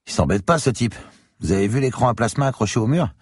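A man voicing a crude, wisecracking male cop partner with a husky, slangy way of talking. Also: medium pitch, lively intonation, fast, no room sound, clean studio sound, voice pushed up. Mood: crude, admiring. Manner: brash and slangy.

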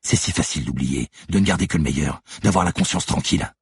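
A man's voice: very deep voice, fast, breathy edge, dry recording, exaggerated voice. A man voicing a relentless woman police detective who lays out her accusations steadily and methodically in an audiobook. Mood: accusing, cold. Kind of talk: audiobook character voice.

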